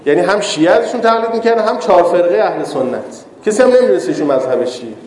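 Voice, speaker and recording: A man preaches a sermon in a high, light voice, a cleric leaning on rhetorical questions and slipping in humorous asides. His words ring out in an echoey hall with a long, lingering reverb. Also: expressive, a little mellow.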